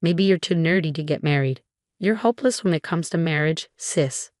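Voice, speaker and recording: A woman's voice: sits low, moderate pace, darkish tone, no room sound, clean studio sound, natural voice. A woman voicing a rude, spoiled young bride who mocks her in-laws in a storybook narration. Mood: mocking. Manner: mocking.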